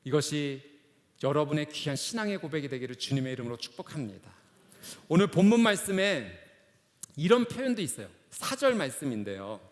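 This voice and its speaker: Casting note: middle-aged man as pastor, lively, slightly high voice, preaching in a church hall with long reverb. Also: a little fast. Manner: animated, swings between soft hushed lines and loud raised cries. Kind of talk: sermon. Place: church sanctuary.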